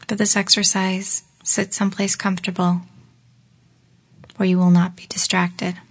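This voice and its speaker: Soft breathy woman guiding a meditation. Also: mid-range voice, little pitch movement. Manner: slow, soft, partly whispered delivery. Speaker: meditation guide. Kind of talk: guided relaxation script.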